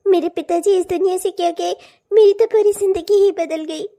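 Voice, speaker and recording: A mistreated young stepdaughter in a cartoon, voiced by a woman, soft and pleading. Her voice is very high yet mellow and dark in tone, often close to tears. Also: steady tone, moderate pace, vocal fry. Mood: sad. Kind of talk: cartoon voice acting.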